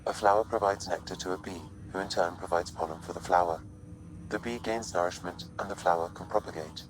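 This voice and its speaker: A man voicing a calm male artificial intelligence in a video game, speaking in a measured, formal, unemotional way through a computer-processed synthetic filter. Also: low-pitched, music in the background, rough recording. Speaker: ship's AI companion.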